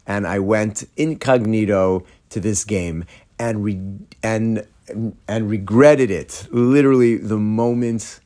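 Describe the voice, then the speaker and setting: A man from Atlanta, a rabbi telling a story in a sermon, acting out the people in it with quick laughs. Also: lowish voice. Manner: animated storyteller, acts out quoted voices with laughs.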